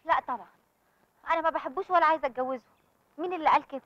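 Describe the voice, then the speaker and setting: A woman's voice: a little high, quick pace, noisy background, close to an everyday voice. An actress with an Egyptian accent playing a young bride torn between duty to her father and the man she loves, speaking earnestly and pleading. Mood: upset. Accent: Egyptian Arabic. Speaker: bride in a film. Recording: slightly muffled film soundtrack.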